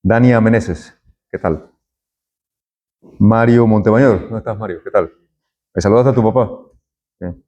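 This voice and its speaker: A man's voice: fairly low pitch, measured pace, long pauses, warm tone. A middle-aged man, a university lecturer taking roll and chatting with students in a classroom. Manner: friendly, chatty, jokes with students.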